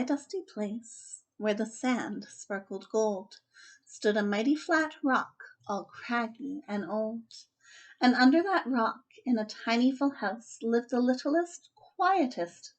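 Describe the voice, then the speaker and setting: At a children's story time, a woman hosts and reads a picture book aloud, speaking in an expressive and deliberate storytelling manner. Her voice is a little high, and the audio quality is poor.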